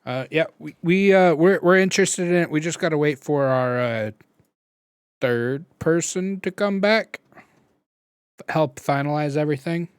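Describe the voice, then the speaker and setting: A man playing a tabletop game, teasing the others with halting, casual banter. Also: fairly high pitch, clear, resonant tone, dry recording, studio quality. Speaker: player.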